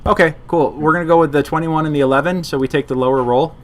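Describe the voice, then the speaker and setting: Higher-voiced man as game master. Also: fairly even intonation, fast talker. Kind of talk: running a tabletop role-playing game.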